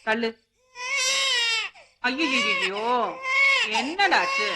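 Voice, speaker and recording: An actress playing an older matriarch of a farm family who wails and scolds over a crying child. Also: female voice, on the high side, sing-song, drawn-out words, very noisy, exaggerated voice. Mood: distressed. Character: anxious grandmother, matriarch of a farm household.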